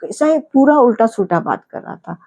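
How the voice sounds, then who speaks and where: A woman's voice: on the high side, sing-song, a little fast, a little mellow. A woman casually recapping a reality show episode, indignant at times and retelling scenes through quoted lines.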